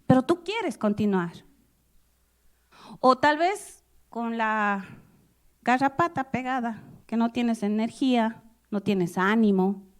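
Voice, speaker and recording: A woman preaching a sermon to a congregation, expressive and personal, asking her listeners questions and dramatizing the scriptures she reads. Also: on the high side, slow, pauses often. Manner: expressive, acts out Bible quotes with loud outbursts.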